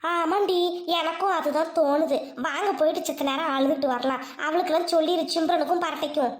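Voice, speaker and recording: A woman with a Tamil accent voicing bickering, scheming village women in a cartoon, with a shrill voice. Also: a little fast, lightly acted. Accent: Tamil, Trichy region. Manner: bickering, mock wailing. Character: sharp-tongued, scheming village women, adult. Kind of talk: cartoon voice acting.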